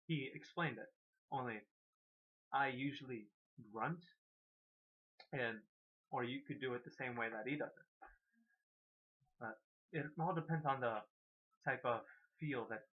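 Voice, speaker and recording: A man explaining beatboxing step by step in a casual, halting way, often restarting his sentences. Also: mid-range voice, breathy edge, muffled recording. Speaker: beatbox tutor. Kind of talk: casual how-to demonstration.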